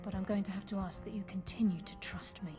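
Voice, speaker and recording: A secretive female thief voiced by a woman in a video game. She speaks in a measured, earnest way, asking for trust. Game music plays clearly behind her. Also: mid-range voice, fairly even intonation, lightly acted. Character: guarded female thief, sworn secret-keeper. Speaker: game character. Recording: game audio under music.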